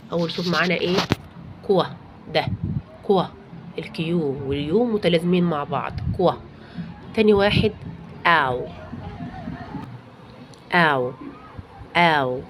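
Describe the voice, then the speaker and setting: A woman with an Egyptian Arabic accent teaching English phonics, repeating each sound slowly and prompting the learners. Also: lowish voice, a little hiss or hum. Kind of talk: phonics lesson.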